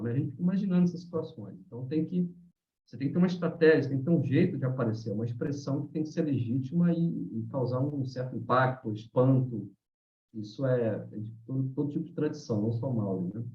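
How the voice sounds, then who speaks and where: A man with a Brazilian Portuguese accent, teaching about haka in a live online talk, animated and storytelling, often ending phrases with a questioning tag. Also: a little high. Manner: animated storyteller, many "né?" tags. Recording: roomy, dull lo-fi sound.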